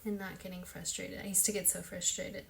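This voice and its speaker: With a low-ish, level, creaky voice and a slightly fast delivery, a young vlogger talks through her makeup routine at home over a noisy background. She keeps it chatty and self-deprecating, narrating as she goes.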